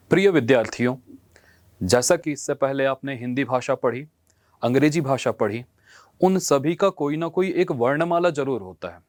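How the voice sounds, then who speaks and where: Slow teacher drilling letter sounds. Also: male voice, medium pitch, no room sound, clean studio sound. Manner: slow, drawn-out drilling of letters for students to repeat. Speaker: Sanskrit teacher. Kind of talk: school lesson.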